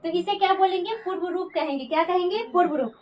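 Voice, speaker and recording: A woman's voice: very high voice, quick pace, a little mellow. A woman teaching a Sanskrit grammar lesson, often asking a question aloud and answering it herself. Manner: repeats questions and answers them for students. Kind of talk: classroom lecture.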